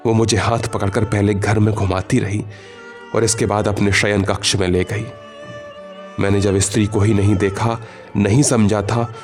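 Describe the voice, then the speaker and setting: A man narrating a literary short story in the first person, in a measured, literary reading with quiet emotional shifts. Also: lowish voice.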